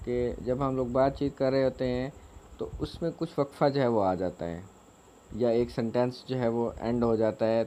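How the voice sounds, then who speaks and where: A man teaching a grammar lesson, explaining slowly with many fillers and repeated phrases. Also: on the low side, mellow, a little hiss or hum.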